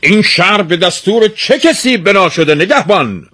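A man's voice: sits high, animated, a bit bright, pitched above the performer's own voice. A man voicing an arrogant, furious king from an old tale, blustering and making threats. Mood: angry, imperious.

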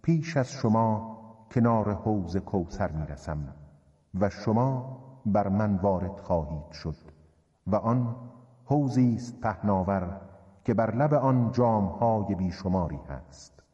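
A man voicing a solemn male prophet addressing a large gathering, speaking slowly and gravely, in a dull, reverberant recording. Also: fairly low pitch, animated, mellow, lightly acted. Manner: slow, grave, measured oration.

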